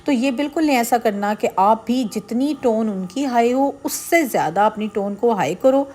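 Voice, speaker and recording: Middle-aged woman vlogger, earnest and persuasive, talks straight to viewers, voice a touch high. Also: darkish tone. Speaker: vlogger giving marriage advice. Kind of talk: casual advice talk to camera.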